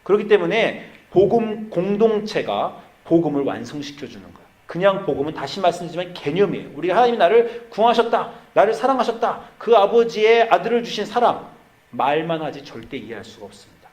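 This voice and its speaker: Animated Korean pastor preaching. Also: male voice, high voice, brisk. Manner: animated storytelling, acting out his own shouts and his daughter's voice. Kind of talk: sermon.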